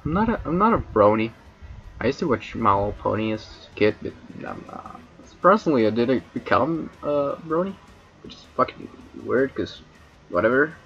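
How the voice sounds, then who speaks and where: A man's voice: mid-range voice, big pitch swings, normal speed, fairly bright tone, muffled recording, soft background music. A man from Chile with a Chilean Spanish accent, rambling and cracking crude jokes with chat on a casual debut livestream. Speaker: streamer.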